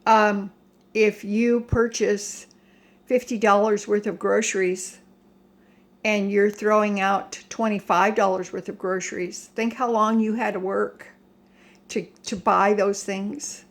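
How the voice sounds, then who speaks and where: An older American woman giving a casual rant to viewers in a halting, emphatic, plain-spoken way. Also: mid-range voice, level tone. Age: older, 60s or above. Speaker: home vlogger. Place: home kitchen.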